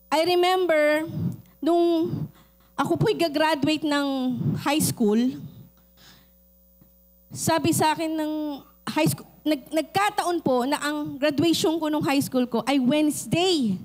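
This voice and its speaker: A middle-aged woman pastor with a Filipino accent, preaching a sermon and telling lively personal stories. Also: high-pitched, slow pace, pauses often. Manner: animated storytelling, acts out quoted voices.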